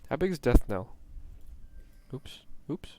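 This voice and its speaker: A young man from New York streams a game while giving casual, rambling commentary that mocks himself and drifts off-topic. His medium-pitched voice is slow and monotone, with background noise in the recording.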